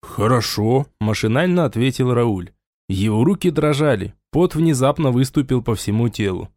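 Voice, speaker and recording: A man reading a science fiction audiobook in a measured, dramatic narration. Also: mid-range voice, animated, a little mellow, dry recording. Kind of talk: scripted narration.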